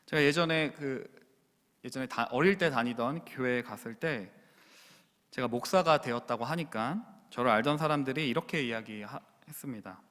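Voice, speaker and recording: A man's voice: medium pitch, moderate pace, a bit bright. A man preaching a sermon as pastor in a church, earnestly putting questions straight to the congregation. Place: church sanctuary. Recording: long church reverb.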